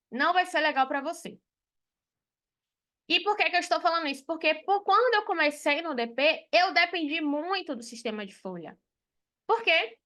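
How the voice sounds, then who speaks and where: An accountant from Salvador, Bahia, Brazil, is teaching a live payroll class, speaking frankly and chatting with her students. Her voice is high, pushed and bright. She keeps dropping in tag questions as she talks.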